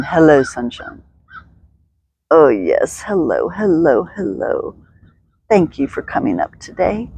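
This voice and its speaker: A woman's voice: sits low, a little mellow, dry recording. Woman, stretching instructor, chatty and upbeat, dry close sound. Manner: chatty, upbeat, thinks aloud, laughs often. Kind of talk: guiding a stretching session. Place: outdoors in the sun.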